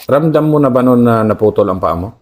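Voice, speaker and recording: A man's voice: medium pitch, lively intonation, a little fast, darkish tone. A Filipino man interviewing a soldier, asking brief questions and answering with short "mm" sounds. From Philippines. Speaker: interviewer, military officer.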